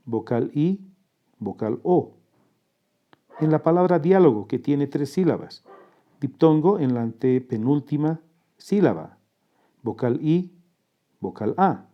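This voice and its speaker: A man narrating a scripted lesson in a measured, methodical way, breaking words down part by part. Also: mid-range voice, highs cut off. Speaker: teacher.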